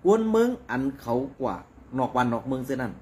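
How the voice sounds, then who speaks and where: A man giving conversational news commentary in an animated, rambling way, with frequent fillers. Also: medium pitch, a little fast, a little hiss or hum.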